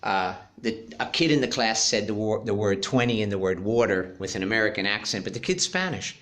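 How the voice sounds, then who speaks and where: A man's voice: on the low side, animated, fairly quick, fairly bright tone. A middle-aged man, an English teacher, telling a classroom story in a casual monologue, emphatic and opinionated. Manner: opinionated, emphatic, acts out quoted dialogue.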